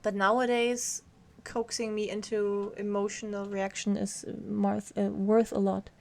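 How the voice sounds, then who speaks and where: A woman's voice: medium pitch, level tone, measured pace, gravelly, darkish tone. A woman streaming a video game, chatting casually with viewers, giggling often and talking to her cat. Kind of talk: casual live-stream chat while gaming.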